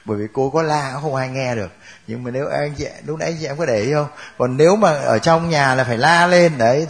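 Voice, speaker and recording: A man teaching a Bible class, joking and laughing with his students. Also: a little high.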